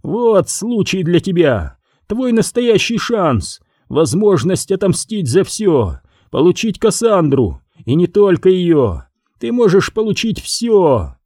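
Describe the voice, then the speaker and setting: A man's voice: high-pitched, very animated, slow, darkish tone, no room sound, studio quality, voice pushed up, full character voice. A man reading an audiobook, voicing a bitter, theatrical young man who mocks and despairs. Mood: fervent. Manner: mocking, theatrical, swings to anguish. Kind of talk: audiobook character voice.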